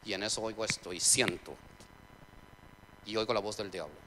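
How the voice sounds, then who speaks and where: A man preaching a sermon testimony in a church, telling his story dramatically, swinging between loud preaching and quiet narration. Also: on the low side, moderate pace. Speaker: pastor. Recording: church hall reverb, faint noise.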